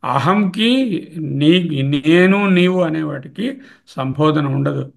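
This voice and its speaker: A man's voice: on the high side, lively intonation, slow, vocal fry. A man teaching Sanskrit grammar, listing forms and explaining them in mixed with English terms. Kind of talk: grammar lecture.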